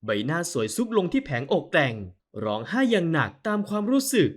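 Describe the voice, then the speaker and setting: A man narrating an audio novel in a measured, expressive way, closing with a channel sign-off. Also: a little high.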